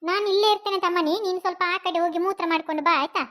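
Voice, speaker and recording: A woman's voice: very high-pitched, fairly even intonation, very fast, fairly bright tone. A woman voicing a worried, protective mother with a Mangalore Kannada accent, fussing over and scolding her young son.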